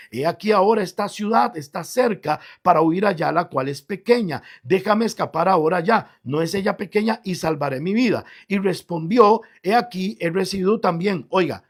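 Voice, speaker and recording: Male pastor, high gravelly voice, emphatic radio sermon. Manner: preaching with rising emphatic bursts.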